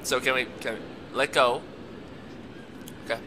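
A young man giving let's play commentary, excitable and talking to the game's characters as he plays. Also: mid-range voice, a little slow, noisy background. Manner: excitable, talks to the game characters, laughs a lot. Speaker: gamer.

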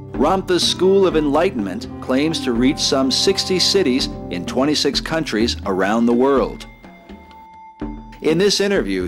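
A man gives scripted documentary narration in a grave, disapproving tone. His voice sits at a middle pitch, and music plays clearly behind him.

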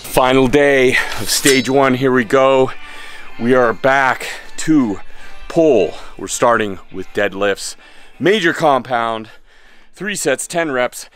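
Soft music plays behind a man in his thirties who takes his time, his medium-pitched voice a bit bright. As a laid-back, enthusiastic fitness coach, he explains exercises in voice-over at an outdoor home gym next to a garage.

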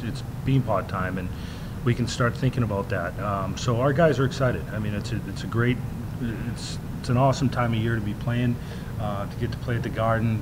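Casting: man in his forties, hockey coach at the postgame presser, steady and halting, noisy room with a low rumble. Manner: measured, many fillers and restarts. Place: press room in front of a logo backdrop. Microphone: table mic.

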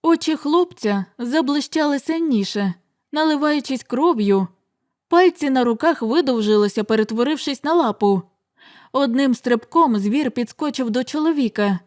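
A woman's voice: sits high, expressive, a little mellow. Woman reading a horror audiobook. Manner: measured, dramatic storytelling. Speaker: audiobook reader. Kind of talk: audiobook narration.

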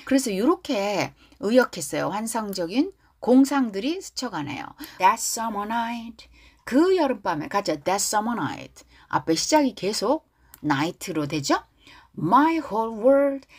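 A woman teaching English through a pop song, first explaining its background and then drilling each lyric line slowly. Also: a little high, slightly rough.

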